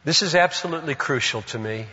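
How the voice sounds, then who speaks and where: An older man preaching a sermon, moving between raised urgent exhortation and quiet, slow, deliberate reflection. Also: fairly high pitch, expressive. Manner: earnest, swings from loud exhortation to hushed reflection; slow, deliberate repetition of phrases. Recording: long reverb, dull lo-fi sound.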